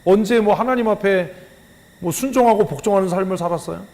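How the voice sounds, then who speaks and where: A man preaching a sermon as pastor, firing rhetorical questions at the congregation and swinging from loud scolding to hushed emphasis. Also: sits high, fairly quick. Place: church sanctuary. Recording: long church hall reverb.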